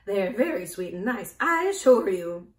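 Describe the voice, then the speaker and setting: A woman voicing a bold, matter-of-fact female talking hen in a storybook reading, loud and emphatic, in a roomy, echoey recording. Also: medium pitch, big pitch swings, normal speed, far from the mic, lightly acted. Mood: confident. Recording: roomy echo.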